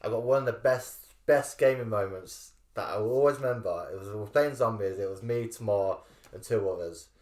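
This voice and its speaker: A man's voice: fairly low pitch, fairly quick, a little mellow. A young man co-hosting a podcast, telling loose, rambling gaming anecdotes with some swearing. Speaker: podcast co-host. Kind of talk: casual chat. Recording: roomy echo.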